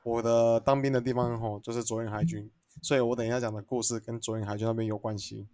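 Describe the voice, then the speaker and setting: A man in casual podcast chat, cutting in with quick questions and remarks. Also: mid-range voice, flat delivery, dark tone, dry recording, clean studio sound. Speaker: podcast co-host.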